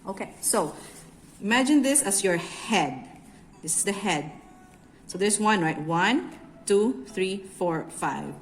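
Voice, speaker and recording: The Bacolod cake decorating instructor speaks slowly and with animation in a medium-pitched voice, her Filipino accent clear as she guides viewers through a hands-on craft conversationally. There's slight background noise, plus music in an echoey indoor room.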